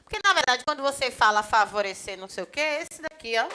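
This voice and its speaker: A grammar teacher, giving a lively classroom lecture. She chats with students and acts out little dialogues. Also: on the high side, fast. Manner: lively, chatty, acts out little dialogues, often points things out with "ó". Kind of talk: live classroom lecture for a civil service exam course.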